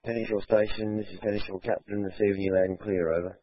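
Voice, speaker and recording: A man's voice: lowish voice, steady tone, fast, no room sound. A man radio operator answering a check in terse radio procedure, fading in over a two-way radio through static. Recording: dull lo-fi radio transmission.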